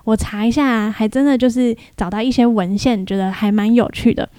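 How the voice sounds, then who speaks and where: A woman's voice: fairly high pitch, steady tone, a little fast, mellow, clean tone, dry recording. A young woman hosts a podcast, telling a story in a casual, chatty way and mimicking other people's voices in quoted lines. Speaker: podcast host.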